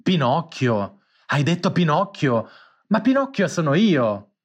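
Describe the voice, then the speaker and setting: A man voicing an excitable small wooden puppet boy in a storybook reading, high and pleading. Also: a little slow, husky, dull audio, heavily acted. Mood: surprised.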